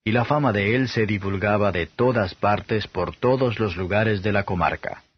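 A man giving a steady, measured Bible reading as an audiobook narrator, on a dull, slightly lo-fi recording. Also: on the low side, slightly rough.

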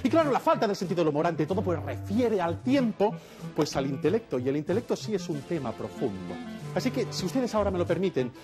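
A man's voice: very animated, quick pace. Mock-pompous man doing stand-up. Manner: mock-pompous, teasing the audience, acts out joke characters with sudden high voices. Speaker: stand-up comedian on a TV game show. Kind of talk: stand-up routine with a mock-lecturing tone. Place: television studio before a live audience. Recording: TV studio with loud crowd and music. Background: audience laughter and applause, music.

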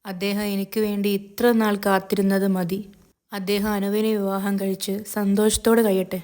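A woman's voice: mid-range voice, little pitch movement, moderate pace, warm tone, lightly acted. A woman voicing a heartbroken young female office worker who speaks sorrowfully and denies her own feelings. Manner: sorrowful, self-denying.

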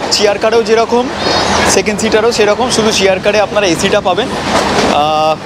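A man's voice: high voice, steady tone, brisk. A young man from West Bengal giving a chatty, informative travel vlog aboard a train, talking straight to his viewers. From West Bengal, India. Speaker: travel vlogger. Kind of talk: casual travel vlog narration. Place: inside a moving train and on station platforms. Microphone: clip-on lapel mic, selfie camera at arm's length. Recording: loud train and outdoor noise.

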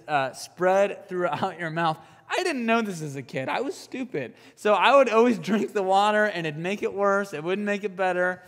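A young man preaching a youth sermon, an animated storyteller who jokes and uses fillers. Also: high-pitched, big-room sound. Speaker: youth pastor. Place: youth group room.

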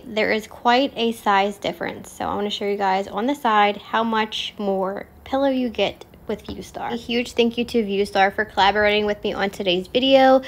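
A woman's voice: mid-range voice, fairly bright tone. A woman in her thirties, a wife and mom, chatting upbeat to her viewers in a home cleaning vlog voice-over.

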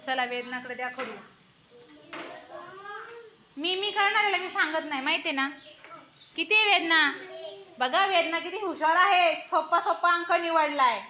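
A woman teaching a class of young children, coaxing and praising them and urging them to answer loudly. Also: extremely high pitch, normal speed, pauses often. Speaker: primary school teacher. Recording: noisy classroom recording.

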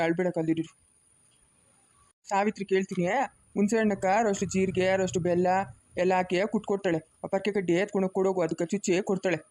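A woman's voice: medium pitch, warm tone, no echo, natural voice. A woman acting an elder village woman who scolds the adults and coaxes a crying child. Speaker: actor in a village family skit.

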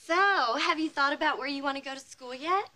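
An actress playing a coy young woman with a soft manner. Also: high voice, brisk, close to an everyday voice. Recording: noisy TV audio with laugh track.

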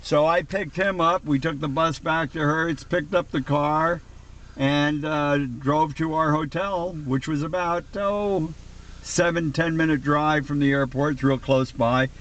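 Recorded on noisy camcorder audio inside a car, this seventy-something vlogger rambles casually on a conference call during a road trip with old Marine buddies, his language salty. He speaks at a measured pace with fairly even intonation, in a slightly high, fairly bright voice, and the highs are cut off.

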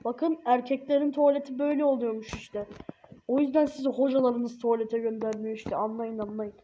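A woman's voice: fairly high pitch, fairly even intonation, a little fast, dark tone. A woman giving joking, jumpy let's-play commentary, swearing often and dropping into whispers. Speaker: gamer. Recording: dull, noisy home mic.

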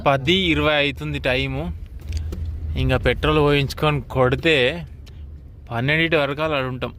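A man's voice: medium pitch, steady tone, normal speed, fairly bright tone. A young man with a Telangana accent, chatting casually to viewers as a vlogger while standing outdoors beside a car. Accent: Telangana Telugu. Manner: chatty, addresses viewers as friends. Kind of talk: casual vlog narration. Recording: outdoor street and traffic noise.

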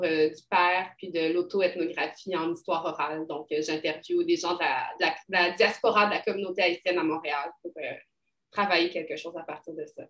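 A woman's voice: fairly low pitch, reverberant. A woman with a Québécois French accent, answering interview questions in a rambling, casual way with many fillers. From Quebec. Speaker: poet, interview guest.

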